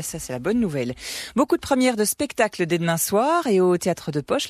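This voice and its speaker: Lively woman, radio presenter. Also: medium pitch. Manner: lively, sing-song announcing.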